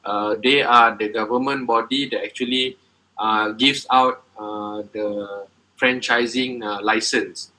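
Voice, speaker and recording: Hesitant man with a bright voice. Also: on the low side, fairly even intonation, rough recording. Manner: hesitant, many filler sounds, halting phrasing. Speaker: coffee business owner presenting. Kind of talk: presentation and Q&A answers.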